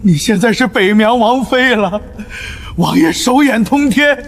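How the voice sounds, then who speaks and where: A man's voice: very high-pitched, lively intonation, measured pace, a little hiss or hum, full character voice. A man voicing a fawning, wheedling noble father. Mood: pleading. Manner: coaxing, then wheedling loud pleas. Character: fawning middle-aged male nobleman father, begging.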